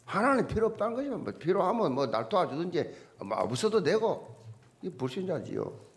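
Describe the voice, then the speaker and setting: Male preacher, slightly high voice with an animated swinging delivery, leans hard on rhetorical questions. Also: fairly quick. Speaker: pastor. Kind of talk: sermon.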